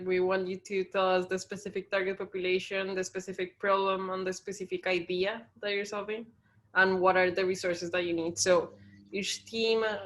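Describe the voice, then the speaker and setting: A woman runs an online workshop and explains how the pitches will go. She keeps a flat, even tone and talks loosely with many fillers. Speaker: session facilitator. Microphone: video call.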